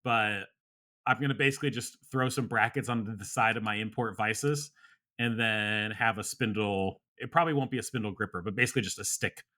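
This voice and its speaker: A man's voice: mid-range voice, bright, forceful tone. A man co-hosting a podcast in casual chat, laid-back, laughing often and trailing off with fillers. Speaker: podcast co-host.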